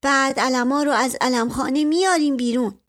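A woman voicing a hoarse, grieving old woman. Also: high-pitched, a bit bright, voice pushed up.

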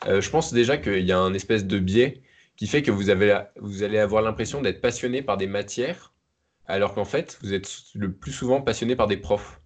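A young man co-hosting a casual chat, explaining things in a measured way. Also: on the low side. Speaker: podcast co-host.

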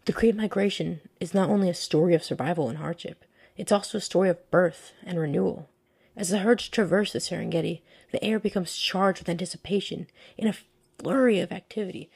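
Husky, low-voiced woman narrating nature documentary. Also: a little mellow. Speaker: podcast host.

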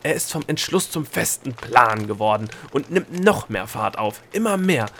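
An excitable bald gnome from a storybook, as a man reading aloud puts him on. He calls out eagerly, a touch higher and louder than the narration, full of nervous enthusiasm. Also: moderate pace, a little hiss or hum. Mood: excited. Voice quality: hoarse laugh.

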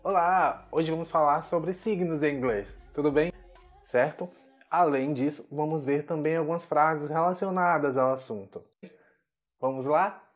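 A man giving a video English lesson, slowing down carefully to model each pronunciation. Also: fairly high pitch, soft background music. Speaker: English teacher.

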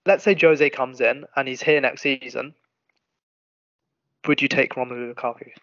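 A man hosts a football podcast, musing aloud and throwing out hypothetical questions in a relaxed chat. His voice is mid-pitched. The recording is dry and slightly dull. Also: moderate pace, no echo. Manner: thinks out loud, poses hypotheticals. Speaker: podcast host.

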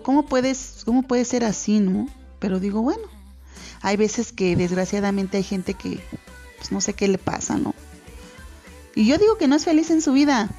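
Talking to parents on her radio show, a woman with a Mexican accent offers advice in a casual, earnest ramble with lots of fillers and false starts. She sounds mellow, with a voice on the high side, speaking from the studio.

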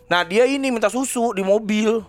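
A man's voice: high-pitched, moderate pace. A man telling a family story in casual chat, blunt and swearing freely. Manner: blunt, swears freely, acts out his child's lines. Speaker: podcast co-host.

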